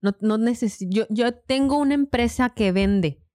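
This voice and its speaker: Animated woman co-host, quick asides. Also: on the high side, dry recording, clean studio sound. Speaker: podcast co-host. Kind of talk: casual chat.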